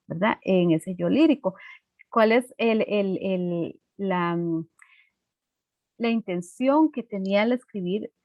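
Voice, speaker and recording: A woman's voice: mid-range voice, no room sound, muffled recording. Woman teacher, online class, keeps checking understanding, fillers, dry close sound. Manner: explains slowly with many fillers and tag questions.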